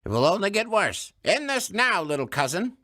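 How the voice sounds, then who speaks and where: A man's voice: high voice, sing-song, normal speed, sharp tone, no room sound, clean studio sound, voice pushed up, full character voice. A man voicing a haughty, commanding older woman who leads a cult. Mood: stern.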